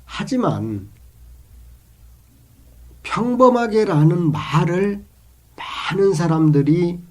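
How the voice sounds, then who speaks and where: A man's voice: high voice, very animated, slow pace. A middle-aged man giving life advice in an earnest, lecturing monologue, his phrases often trailing off into a near whisper.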